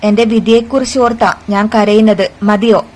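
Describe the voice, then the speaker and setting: A woman's voice: medium pitch, fairly even intonation, moderate pace, darkish tone, natural voice, rough recording. A woman voicing a frightened young daughter-in-law who pleads tearfully, in a storybook retelling.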